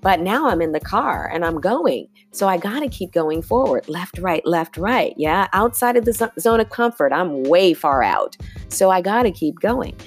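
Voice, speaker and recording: A woman's voice: lowish voice, sing-song, normal speed, slightly rough, soft background music. A woman hosting a podcast, talking reflectively and conversationally to listeners, often checking in with "right?" and "y'all.". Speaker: podcast host and yoga teacher. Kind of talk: reflective solo podcast talk.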